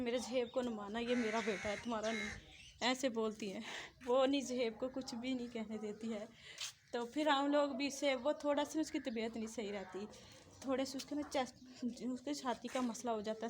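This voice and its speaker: A mother of three in her thirties, chatting casually at home about her children. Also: background noise. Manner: chatty storytelling, switches to high cooing baby talk. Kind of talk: casual home vlog chat.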